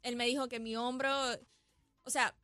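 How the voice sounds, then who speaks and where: A woman's voice: fairly high pitch, little pitch movement, normal speed, fairly bright tone, no echo, soft background music. A woman, a guest in a radio interview, talking thoughtfully with many restarts. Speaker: guest athlete.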